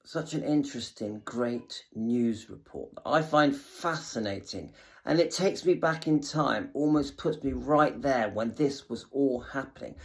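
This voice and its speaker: A man's voice: mid-range voice, a little mellow. A man hosting and giving casual, reflective commentary on archive footage.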